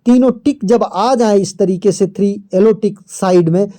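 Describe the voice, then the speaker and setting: Mellow-voiced tutorial host walking through steps. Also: mid-range voice, moderate pace. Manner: steady step-by-step explaining, keeps pointing things out on screen. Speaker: crypto app tutorial host. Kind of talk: screen-recorded walkthrough.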